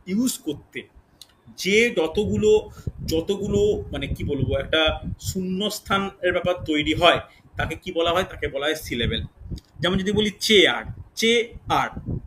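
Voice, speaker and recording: High, bright-voiced man teaching physics. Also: low-quality recording. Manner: asks students questions and repeats key figures slowly. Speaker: exam coaching teacher. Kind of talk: live online physics class. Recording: faint background noise.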